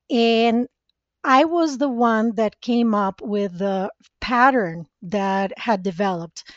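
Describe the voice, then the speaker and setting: A woman from Costa Rica, speaking as a podcast guest, tells her own story in an earnest, reflective way. Her voice sits a little high. The recording is dry and dull, with a lo-fi quality. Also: no room sound. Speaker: podcast guest, spiritual mentor. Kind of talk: conversational interview storytelling.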